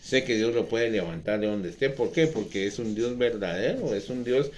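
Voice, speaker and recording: A man's voice: on the low side, moderate pace. Impassioned male preacher. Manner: impassioned preaching, rising to loud emphatic outbursts. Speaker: pastor. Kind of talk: sermon.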